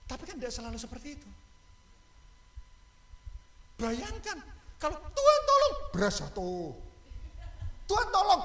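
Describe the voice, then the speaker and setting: A male pastor, preaching a lively sermon and joking with the congregation and asking them questions. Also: very high-pitched. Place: church. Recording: echoey church hall.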